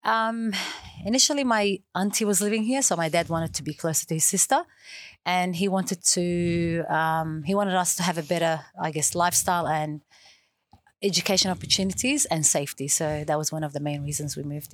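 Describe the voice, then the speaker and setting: A woman from Iraq in her thirties, a teacher answering questions on a school radio show, speaking warmly and hesitantly with many fillers. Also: lowish voice, normal speed. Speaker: teacher being interviewed.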